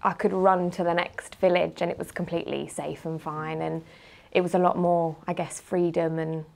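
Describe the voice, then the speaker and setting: The guest in this relaxed interview is a twenty-something marketing manager with a British English accent, raised partly in Spain and living in the UK. Her voice is fairly low and level with vocal fry, at a moderate pace, as she chats informally and recounts stories.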